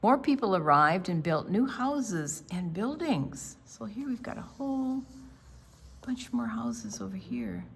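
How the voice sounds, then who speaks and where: A woman with a medium-pitched, slightly breathy voice reads a picture book aloud to young children at storytime. She reads deliberately and expressively, adding casual remarks about the pictures.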